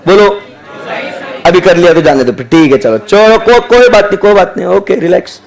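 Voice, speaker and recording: A man's voice: high-pitched, creaky, a faint crowd, poor audio. A young Indian man teaching an accounting class live, dictating figures and prodding students to answer. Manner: slow deliberate dictation mixing Hindi and English, prodding students for answers. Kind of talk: live online class lecture.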